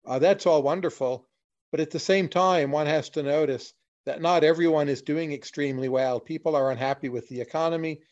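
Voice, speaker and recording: A man, a guest in an interview, explaining his views in a measured way, in plain short lists. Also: on the high side, darkish tone. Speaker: economist guest. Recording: dull lo-fi audio.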